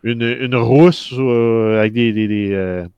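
Brief: Quebec panelist, mid-pitch, dry sound, makes his case firmly. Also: slow pace, darkish tone, smooth, dry recording, muffled recording. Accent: Quebec French. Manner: opinionated, argues his point at length. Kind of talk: casual panel chat.

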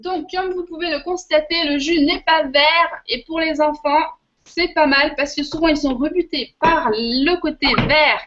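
A woman's voice: high voice, fairly even intonation, moderate pace, a bit bright. A woman hosting a workshop, giving an informal, chatty demonstration with a hesitant way of explaining. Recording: muffled, lo-fi audio.

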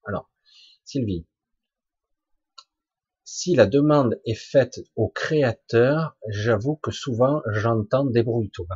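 Husky-voiced man in an informal spiritual talk. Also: mid-range voice, a little mellow, dry recording, highs cut off. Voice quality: husky, rough voice. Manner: halting and emphatic, with colloquial swearing and sound-effect words. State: coughing now and then. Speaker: spiritual teacher answering listeners' questions live.

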